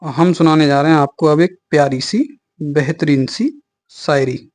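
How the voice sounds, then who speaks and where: A man with a fairly high voice teaching an online exam class. He explains patiently and casually, with many small fillers and friendly asides to his students. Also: a little slow, a little mellow.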